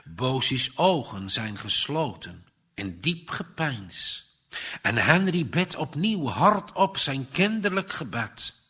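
Slow, lively male storybook reader. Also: mid-range voice, husky. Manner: slow, expressive reading with dramatic rises and falls. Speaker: narrator. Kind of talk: storybook reading.

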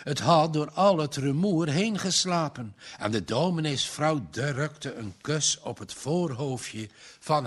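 A man reading a story aloud in an unhurried, even manner. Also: mid-range voice, breathy edge. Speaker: narrator. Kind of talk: audiobook narration.

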